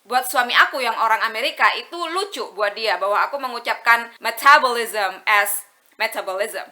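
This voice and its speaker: A woman's voice: fairly high pitch, a little fast. A young woman from Indonesia with an Indonesian accent, talking casually to camera in a vlog and explaining things with examples. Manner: animated, switching between two languages, explaining with examples. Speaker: vlogger.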